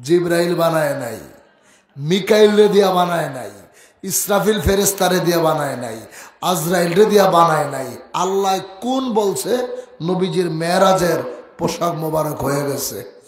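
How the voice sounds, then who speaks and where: Echoey high-voiced preacher. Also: male voice, lively intonation. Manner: shouts to the crowd, drawn-out storytelling. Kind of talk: religious sermon.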